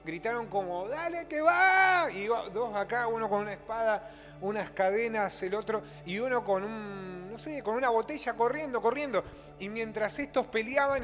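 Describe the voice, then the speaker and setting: A man's voice: sits high, long reverb tail. A man preaching a sermon, telling stories and building up to emphatic points. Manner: animated storytelling, rising to emphatic preaching.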